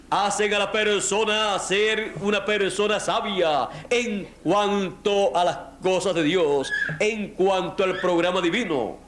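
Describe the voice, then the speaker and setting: A man preaching a sermon in slow, emphatic, measured phrases, with a Latin American Spanish accent. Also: sits high, fairly bright tone, echoey room, a little hiss or hum.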